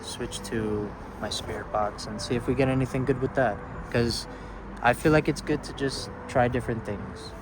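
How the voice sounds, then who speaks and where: A man's voice: mid-range voice, moderate pace. A man hosting a paranormal investigation, speaking casually and coaxingly as he addresses spirits and explains what he is doing. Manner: polite, coaxing, addresses the unseen directly. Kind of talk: casual narration and gentle questions to spirits. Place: outdoors at a roadside parking lot grave site. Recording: clear outdoor traffic and ambient noise.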